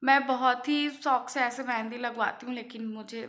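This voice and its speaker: Female vlogger, bright and fairly high voice, casual chatty delivery mixing English into Hindi, upset and near tears. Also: steady tone, moderate pace. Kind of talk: casual vlog talk to camera.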